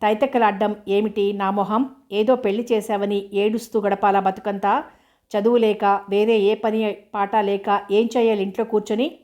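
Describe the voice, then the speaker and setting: A woman's voice: medium pitch, level tone, moderate pace, a little mellow, lightly acted. A woman reading as a defiant young widow. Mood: furious. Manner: angry, accusing outburst. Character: young widowed woman defying her harsh father.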